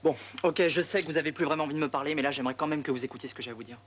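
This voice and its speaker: An actor playing a nervous, fast-talking, whiny cop in film dialogue. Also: male voice, fairly high pitch, close to an everyday voice. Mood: earnest. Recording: dull film soundtrack with noise.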